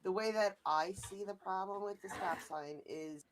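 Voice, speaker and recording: A woman's voice: medium pitch, normal speed. A woman calling in over a bad connection that keeps breaking up, arguing insistently during a heated live chat. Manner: insistent and argumentative. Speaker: caller on a live stream. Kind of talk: heated call-in argument. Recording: noisy, crackly call line with clicks.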